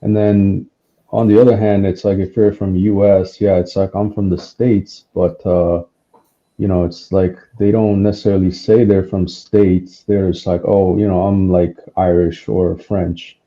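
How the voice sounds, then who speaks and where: A man rambles through a casual group chat, his speech full of fillers. His voice is low and very dark, and it comes through dull, muffled call audio. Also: level tone, measured pace.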